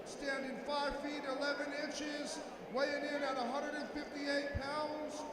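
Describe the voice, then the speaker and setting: A man announces fighters like a boxing ring announcer, slow and booming, stretching out the names. His voice is very high and projected. It rings heavily through a noisy arena. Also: monotone, very echoey, long reverb tail, a loud crowd.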